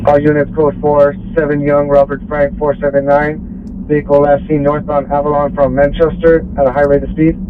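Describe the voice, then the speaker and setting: A man's voice: on the high side, completely flat delivery, fairly quick. A man on police radio calling out units and codes. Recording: tinny police radio with faint car noise.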